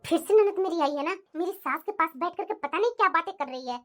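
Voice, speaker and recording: A woman voicing a wronged young wife who speaks in an indignant, complaining way in an animated story. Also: extremely high pitch, fast, soft background music, voice pushed down.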